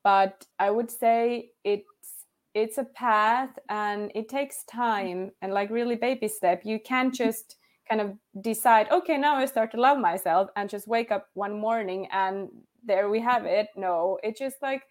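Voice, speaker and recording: A woman in her thirties with a Finnish accent speaks in a mid-range voice, a little slow. She's a yoga teacher appearing as a podcast guest in a casual interview chat, talking candidly, laughing often and saying "like" a lot.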